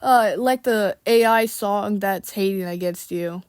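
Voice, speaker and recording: A woman delivers a casual rant in a weary, exasperated manner. Her pace is slow, with halting pauses between thoughts. Her voice sits at a middling pitch, and the sound is dry, with no room echo. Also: clear, resonant tone. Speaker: online creator addressing viewers.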